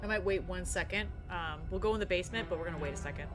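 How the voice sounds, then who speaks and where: A woman's voice: on the low side, rapid-fire. A young adult woman streaming a game, chatting playfully with her viewers and often giggling. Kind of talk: live game stream commentary. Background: game music.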